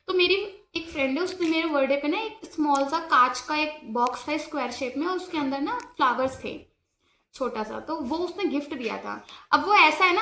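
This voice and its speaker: High-voiced young woman telling a ghost story. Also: fairly bright tone, slight background noise. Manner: conversational, halting with restarts and fillers. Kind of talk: casual personal ghost story.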